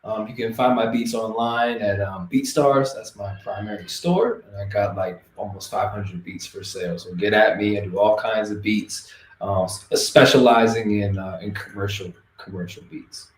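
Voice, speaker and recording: A man's voice: lowish voice, moderate pace. Young man, Boston accent, laid-back podcast chat, roomy echo. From Boston area. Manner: laid-back, lots of fillers. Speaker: podcast co-host and hip hop producer.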